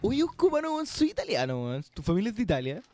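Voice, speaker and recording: High, animated Chilean radio co-host. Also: male voice, quick pace, soft background music. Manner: joking, teasing, animated. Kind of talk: casual morning radio banter.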